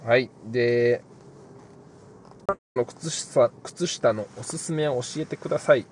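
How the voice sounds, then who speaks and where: A young man talks through listener questions on a casual podcast, loose and rambling, filling pauses as he thinks. His voice sits at an ordinary pitch. Faint background noise runs underneath. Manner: relaxed, rambling, many fillers. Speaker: podcast host, pro basketball player.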